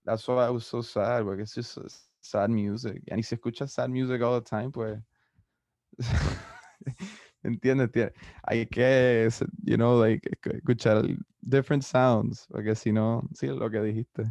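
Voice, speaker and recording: A young man of twenty with a Puerto Rican Spanish accent, a musician answering interview questions in a relaxed, rambling way with many fillers. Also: medium pitch, measured pace, creaky, dry recording, studio quality. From Puerto Rico. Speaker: musician guest. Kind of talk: casual interview, mixing Spanish and English.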